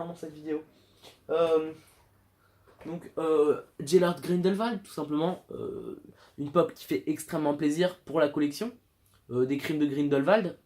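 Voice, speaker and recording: A man's voice: on the high side, darkish tone, a little hiss or hum. A young man chatting casually in a home vlog, rambling through his collectible figures with lots of fillers and self-mocking asides. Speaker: YouTuber showing collectible figures.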